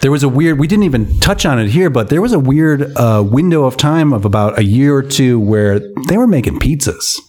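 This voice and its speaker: A man hosting a casual podcast chat, playful and jokey with drawn-out asides. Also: medium pitch, expressive, darkish tone. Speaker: podcast host.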